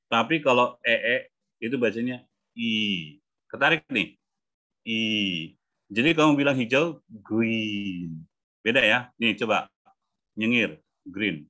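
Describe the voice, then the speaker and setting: A man coaching English pronunciation in an online class, explaining patiently and sounding out example words slowly. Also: mid-range voice, pushed and bright. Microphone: video call. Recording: muffled video-call audio.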